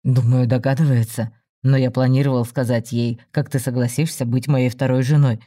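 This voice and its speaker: A man playing a calm, self-justifying married man in an audiobook story, speaking slowly and soothingly. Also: mid-range voice, lightly acted. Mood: placating.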